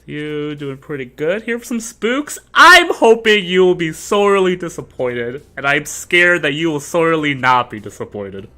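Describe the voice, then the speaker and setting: A young man chats through a horror game on his stream, his voice lively and swinging up and down, with a bright, sharp edge and a pitch a little above most men. He rambles and jokes, trailing off into mumbles between louder bursts. Faint game music plays behind him on a desk mic. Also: normal speed, few pauses. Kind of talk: casual gameplay commentary.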